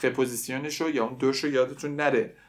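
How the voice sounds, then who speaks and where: A young man teaching a language lesson, slowly repeating phrases and conjugating verbs aloud, with joking asides. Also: medium pitch, steady tone. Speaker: French teacher.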